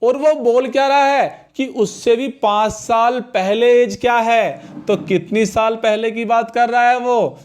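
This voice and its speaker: High-voiced man teaching a math class. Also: fairly even intonation, a little slow, hardly any pauses, smooth. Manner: repeats questions back to the students; checks understanding with "ठीक है" and "समझ में आया". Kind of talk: exam-prep math lesson.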